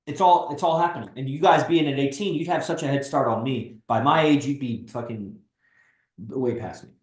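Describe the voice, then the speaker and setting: A man's voice: medium pitch, moderate pace, a little mellow, roomy sound. A man in his thirties hosting a livestream, talking bluntly and persuasively and swearing freely. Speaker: stream host and coach. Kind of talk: casual livestream pep talk.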